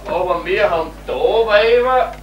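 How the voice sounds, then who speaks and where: A man acts out a hungover Austrian rustic in a stage comedy. He groans with a pounding headache, touchy and evasive, dragging his words in a fairly high voice. The echoey stage is picked up from far off. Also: measured pace, highs cut off, over music. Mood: muddled, evasive. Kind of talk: amateur stage comedy acting. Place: small theatre stage, recorded from the audience. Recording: echoey stage, distant camera mic, hissy hum.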